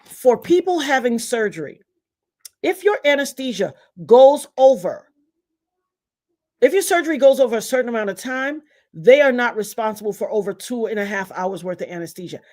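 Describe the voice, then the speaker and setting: Middle-aged woman, Trinidadian accent, high-pitched livestream host, emphatic and fed up. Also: lively intonation, normal speed, darkish tone. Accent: Trinidadian Caribbean. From Trinidad, raised in Brooklyn. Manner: indignant, emphatic, preachy. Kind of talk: livestream commentary rant.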